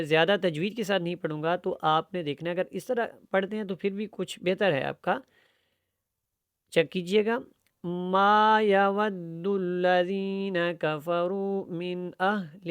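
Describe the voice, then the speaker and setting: A male Quran teacher gives a tajweed lesson, recorded dry and close with no room sound. His voice is smooth and resonant. He moves between brisk explanation and slow, stretched-out recitation. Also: high-pitched, no echo. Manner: explains quickly, then recites verses slowly and drawn out.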